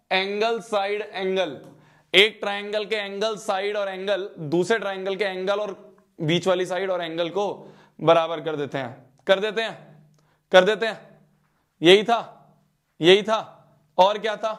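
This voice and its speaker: A man's voice: high-pitched, steady tone, a little slow, a bit bright. A man teaching a live online maths class with a Hindi accent, joking with students and repeating his phrases. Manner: playful teasing, repeats phrases, calls out students by name.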